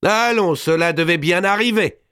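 A man voicing a fierce, enraged giant warrior noblewoman who shouts her defiant denials. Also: sits high, moderate pace, clear, resonant tone, dry recording, studio quality, voice pushed up. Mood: defiant, furious.

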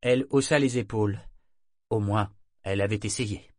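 A man reading a novel as an audiobook narrator in a measured, even manner. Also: on the low side, no echo, studio quality. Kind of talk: scripted narration.

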